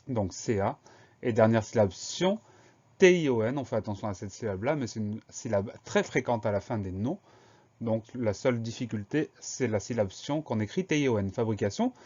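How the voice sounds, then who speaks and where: A man teaching a spelling lesson, slowly and patiently spelling out words letter by letter. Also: mid-range voice, darkish tone. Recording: dull lo-fi recording.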